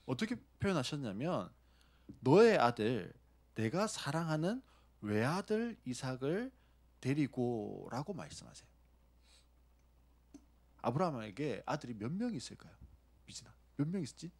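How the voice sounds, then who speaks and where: A pastor with a mid-range, slightly rough voice preaches a sermon. He puts questions to the congregation and acts out short lines of dialogue.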